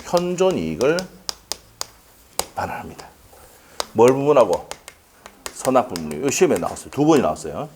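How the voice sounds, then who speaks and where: A man's voice: mid-range voice, sing-song, fairly quick, pauses often, a little mellow, slight background noise. A man giving a casual law lecture to a class, asking questions and answering them himself and laughing often. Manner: laughs often and jokes with students.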